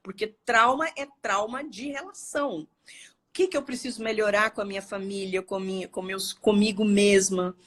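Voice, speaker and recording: A woman's voice: mid-range voice, normal speed, a bit bright. A woman with a Bahian Brazilian accent, a therapist talking expressively on a live video call and repeating words for emphasis. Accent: Bahian Brazilian Portuguese. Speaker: guest therapist. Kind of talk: live-stream talk. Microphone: phone or laptop on a live video call.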